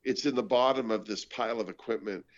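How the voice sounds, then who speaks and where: A man's voice: fairly low pitch, quick pace. A man from Canada, a comedian and show host, telling stories in a casual chat and acting out the voices he quotes. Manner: animated storytelling, acts out quoted voices. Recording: dull lo-fi audio.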